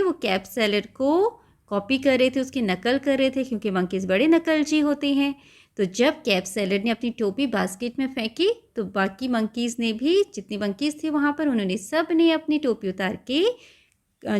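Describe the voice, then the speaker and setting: Slow, patient woman teaching small children. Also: high-pitched. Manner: slow and patient, mixing Hindi and English, stressing each word aloud. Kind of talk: explaining a school workbook to young children.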